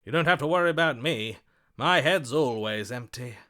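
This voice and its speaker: For a video game, a man acts as a florid, lovestruck romantic, theatrical and grandiloquent in manner, sounding passionate and defiant. His medium-pitched voice is expressive, pushed and bright, at a normal speed.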